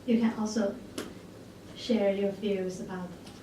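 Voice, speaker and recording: A woman moderating a focus group, speaking haltingly with many fillers. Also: mid-range voice, steady tone. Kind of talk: hesitant moderation of a group discussion. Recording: echoey room from far off, noisy.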